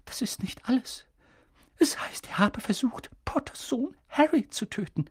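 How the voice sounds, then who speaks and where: A man voicing a stern, sharp-tongued elderly female witch professor in an audiobook reading, pushing his voice up high and insistent. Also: animated, unhurried, breathy edge, heavily acted. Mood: agitated. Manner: insistent, agitated, high strained voice. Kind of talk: audiobook character voice.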